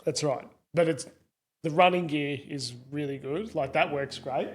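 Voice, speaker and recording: A man's voice: fairly high pitch, normal speed, husky. Australian man with a broad accent. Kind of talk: casual car chat.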